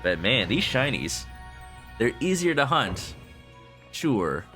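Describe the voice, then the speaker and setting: A man streams a video game with casual, playful commentary. His voice is bright and forceful, with lively swings in pitch and exclamations, over faint music. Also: slow pace. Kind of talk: casual livestream game commentary, reading dialogue aloud.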